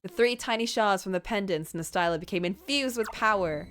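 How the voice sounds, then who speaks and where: Video game music accompanies a woman with a mid-range, fairly quick voice as she plays live. She gives the on-screen dialogue a dramatic, playful reading and exclaims in a theatrical manner.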